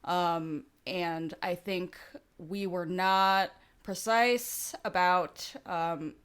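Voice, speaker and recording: This podcast co-host talks extremely slowly in a lowish, steady voice that sounds clear, resonant and a bit bright. Dental aligners give her a slight lisp as she rambles through casual conversation, restarting often and leaning on fillers.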